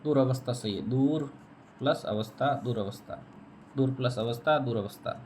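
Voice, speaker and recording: A man's voice: mid-range voice, moderate pace, a little mellow, slight background noise. A man teaching a spelling lesson, repeating each word and answering his own questions. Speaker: Hindi teacher.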